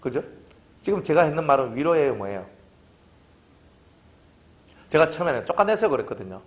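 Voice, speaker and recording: A pastor giving a casual sermon, telling stories and acting out both sides of conversations. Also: male voice, fairly high pitch, brisk. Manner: lively storytelling preacher, acts out dialogue.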